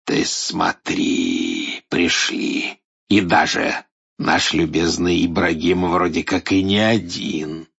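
A man voicing a menacing dark lord, a tyrannical idol, with a slow, sinister delivery in a verse fairy-tale play. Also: low voice, fairly even intonation, vocal fry, slightly rough, highs cut off, heavily acted. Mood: cold, commanding.

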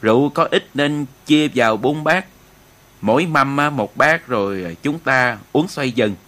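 A man voicing a jovial male political commissar who gives loud, ceremonious toasts in an audiobook. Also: medium pitch, a little slow, close to an everyday voice. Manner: loud, ceremonious speech-making.

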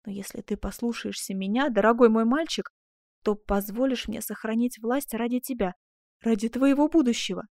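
A woman's voice: fairly high pitch, normal speed, a little mellow, dry recording, clean studio sound, natural voice. A woman voicing a proud, imperious duchess in an audiobook, speaking with impassioned swings between tender murmurs and proud outbursts. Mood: tender, persuasive. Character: proud passionate noble duchess, imperious and vengeful. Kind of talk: audiobook reading.

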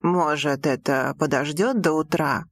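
A woman reading an audiobook, voicing a passionate, teasing young prince with slow, low, intimate delivery. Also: dry recording. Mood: tender.

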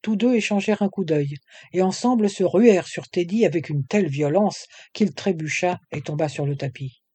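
A man narrates an old adventure novel at a measured pace, shading his tone a little for each character. His voice sits slightly high but has a mellow, soft timbre. The recording is close and dry, with no room sound. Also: slightly rough, dry recording. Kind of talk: audiobook reading of a French adventure novel.

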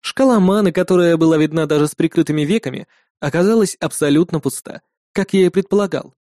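A man narrating a first-person fantasy audiobook, expressive and irritable when speaking as the hero. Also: fairly high pitch, fast talker, no room sound, studio quality.

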